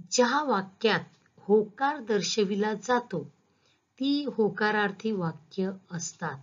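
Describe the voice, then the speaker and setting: A woman's voice: mid-range voice, dull audio. A woman school teacher giving a patient, step-by-step grammar lesson, asking her students questions as she goes.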